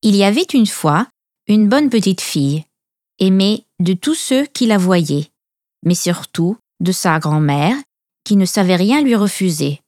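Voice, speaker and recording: A woman reading classic fairy tales aloud in a measured, clear storytelling manner. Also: medium pitch, lively intonation, a little mellow, no room sound, clean studio sound.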